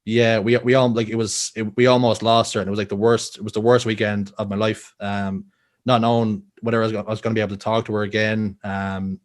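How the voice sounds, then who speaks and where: A young Irish man with a Dublin accent and a lowish, level voice speaks fairly quickly as a guest on a casual podcast interview. He tells personal stories earnestly, restarting his sentences often.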